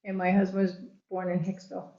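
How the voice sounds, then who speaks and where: A woman's voice: on the low side, monotone, quick pace, mellow. An older woman from Long Island with a Long Island accent, chatting casually among church friends and laughing often between remarks. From Long Island, New York. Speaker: church member. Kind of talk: casual chat. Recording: roomy, dull sound with chatter.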